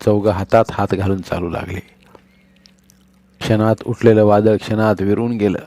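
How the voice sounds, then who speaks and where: A man narrating a storybook in a steady, expressive reading. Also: on the low side, moderate pace, dry recording.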